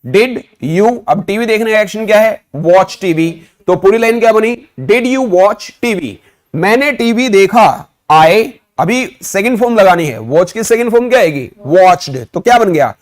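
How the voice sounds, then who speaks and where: Slow, higher-voiced Indian teacher. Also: male voice, lively intonation. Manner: explains step by step, quizzes the viewer with repeated questions; says English example sentences slowly and deliberately. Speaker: spoken English teacher. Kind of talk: classroom lesson.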